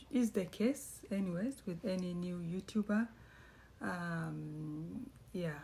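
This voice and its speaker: A woman's voice: fairly low pitch, a little mellow, a little hiss or hum. A woman from East Africa, a writer talking casually to her channel viewers, rambling and correcting herself as she goes. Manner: rambling, self-correcting, chatty. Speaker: YouTuber and writer. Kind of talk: casual vlog chat.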